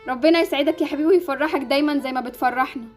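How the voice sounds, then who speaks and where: Woman as devoted, modest Egyptian mum in a game cartoon, brisk speech over faint music. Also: high-pitched, lightly acted. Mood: loving, delighted. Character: loving, grateful, poor mother. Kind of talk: amateur game-animation story acting.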